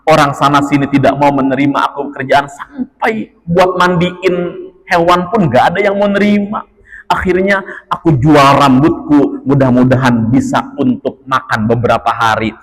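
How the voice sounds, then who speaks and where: A man voicing a humble, devoted wife, quiet and apologetic as she explains her hardship. The voice stays soft and unhurried, only lightly set apart from the preacher's own. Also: on the high side, rough recording. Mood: pleading. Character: poor devoted wife, middle-aged woman, humble.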